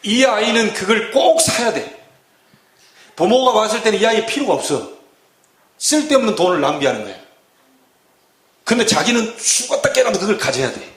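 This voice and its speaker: A man's voice: high-pitched, big pitch swings, moderate pace, pauses often, fairly bright tone. A middle-aged man preaching a sermon as pastor, acting out scenes with dramatic voices. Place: church sanctuary. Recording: echoey church hall.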